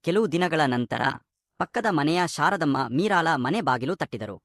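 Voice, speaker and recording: A man narrating a scripted moral story in a lively, expressive reading. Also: a little high, moderate pace, no room sound, studio quality.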